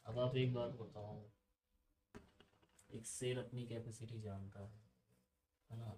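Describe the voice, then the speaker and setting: A man's voice: mid-range voice, fairly even intonation, takes it slowly, warm tone, echoey room, far from the mic, poor audio. A man teaching a computer lesson in a casual, chatty way, asking his students questions and drifting into side stories.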